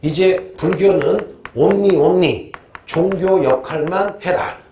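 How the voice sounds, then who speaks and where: A man's voice: sits high, slow, mellow. A man voicing a bossy male king casually laying down a decree, heard in an echoey room. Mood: commanding. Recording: echoey room, faint noise.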